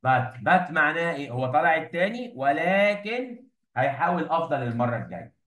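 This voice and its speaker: A man's voice: on the high side, sing-song, fairly quick, a bit bright. A man with an Egyptian Arabic accent teaching an English revision lesson to a class, patiently coaxing students and repeating key points. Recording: echoey room, mic at a distance.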